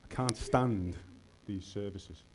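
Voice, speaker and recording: A man's voice: lowish voice, takes it slowly, a little mellow. A man delivering a passionate sermon monologue, asking rhetorical questions and building intensity as he goes.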